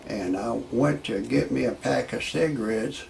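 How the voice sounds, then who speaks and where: Speaking at a moderate pace in a gravelly, darkish mid-range voice, a man in his sixties vlogs, first airing opinions and then telling stand-up jokes. He rambles and repeats words while hunting for his point, over a little hiss or hum.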